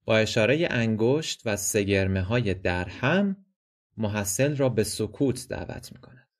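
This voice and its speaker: A man narrating a play as an audiobook, reading stage directions in a measured, expressive way. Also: fairly low pitch.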